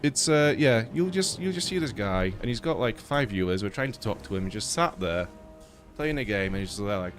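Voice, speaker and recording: A young Polish gamer, a bit congested, rambles through casual live-stream chat, swearing heavily and full of fillers and restarts. His fairly low voice is animated and brisk, with faint music behind him.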